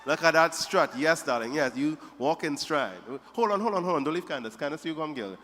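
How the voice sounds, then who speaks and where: A slightly high, expressive male voice, fairly quick and fairly bright, belongs to the master of ceremonies at a wedding reception. Moving from table to table, he playfully teases the guests in a large, reverberant reception hall.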